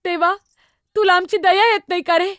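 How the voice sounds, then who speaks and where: A woman's voice: very high-pitched, fairly even intonation, moderate pace, fairly bright tone, no room sound, studio quality. [name], a woman playing a chirpy young girl. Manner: chatty, teasing, innocent, exclamatory. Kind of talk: solo stage monologue.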